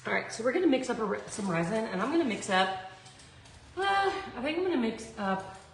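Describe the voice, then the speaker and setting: A woman's voice: a little high, animated, brisk. Woman chatting in an echoey room. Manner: rambling, thinking aloud. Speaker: host of a live art tutorial. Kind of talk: casual live craft tutorial, chatting with viewers. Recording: echoey room with background noise.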